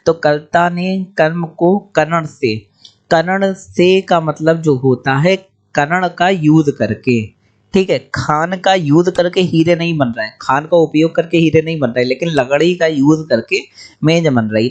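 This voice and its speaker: A young man teaching exam questions, explaining each answer briskly and repeating key points. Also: on the high side.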